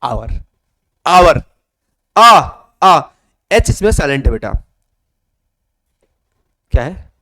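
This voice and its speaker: Lively high-voiced teacher. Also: male voice, very slow, long pauses, dry recording, studio quality. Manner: lively, coaxing, quizzes students and repeats answers. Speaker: English grammar teacher. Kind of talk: classroom grammar lesson.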